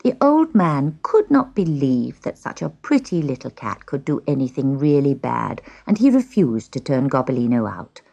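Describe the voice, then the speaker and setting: A woman narrating a children's storybook in an expressive, gently dramatic way. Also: a bass voice, normal speed, gravelly, few pauses, lo-fi sound.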